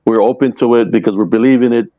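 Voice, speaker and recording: A man calmly explaining an idea in a casual podcast chat. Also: medium pitch, quick pace, dry recording. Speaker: podcast guest. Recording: dull, dry lo-fi audio.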